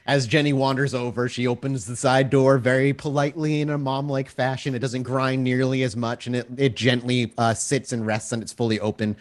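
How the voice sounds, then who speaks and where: Acting as the storyteller in a tabletop roleplaying game, a man in a level, mid-range voice improvises descriptive narration in a halting way.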